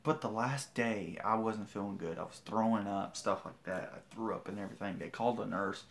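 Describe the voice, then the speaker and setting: Teen male vlogger, lowish voice, rambling and indignant livestream storyteller. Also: a little fast. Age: teens.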